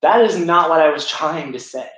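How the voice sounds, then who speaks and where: A man's voice: fairly high pitch, moderate pace, a bit bright. A man reacting to his own old videos with blunt, sarcastic remarks in casual commentary. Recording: very echoey room.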